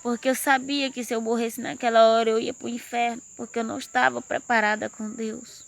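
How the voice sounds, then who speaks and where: Woman, gravelly voice, higher pitch, flat delivery, personal testimony, crickets behind. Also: a little fast. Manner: earnest storytelling, rising intensity. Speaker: testimony speaker.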